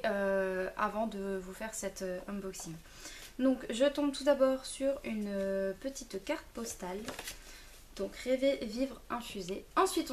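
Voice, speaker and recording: Young woman vlogger, casual hesitant chatter, slightly high voice, recorded on a home camera set a bit far off with faint hiss. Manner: chatty, hesitant with many fillers. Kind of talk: casual unboxing chat. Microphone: camera mic, a little far.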